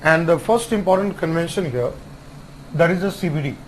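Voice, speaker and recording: A man teaching an online exam-prep lecture, repeating key terms and spelling out acronyms slowly. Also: fairly high pitch, slight background noise, low-quality recording. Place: classroom with whiteboard.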